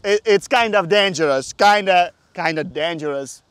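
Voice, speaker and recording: A young man with a Slavic English accent hosting a casual vlog, excitable and enthusiastic, on a lapel mic outdoors and at a car wash. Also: sits high, moderate pace, clear, resonant tone, no room sound. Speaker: vlog host. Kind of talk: casual chat.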